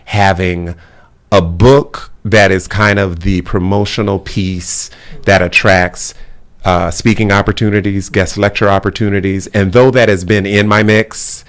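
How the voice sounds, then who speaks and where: A middle-aged man with a somewhat low-pitched voice chats easily as a talk show guest. He keeps his thoughts flowing with frequent "you know" fillers and a relaxed, conversational delivery. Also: unhurried, clean tone. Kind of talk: casual interview conversation.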